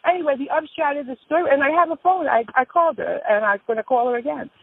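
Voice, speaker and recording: A woman's voice: high-pitched, fast, gravelly, no room sound. A woman in a casual phone chat, telling stories in a rambling, emphatic way. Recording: tinny phone line.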